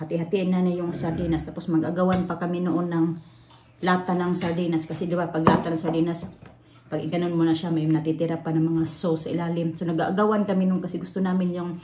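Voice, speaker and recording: A woman from the Philippines chats casually in a rambling vlog recorded in a room at home, full of fillers and restarts. Her voice is on the low side with a dark tone. The room is echoey, with faint noise.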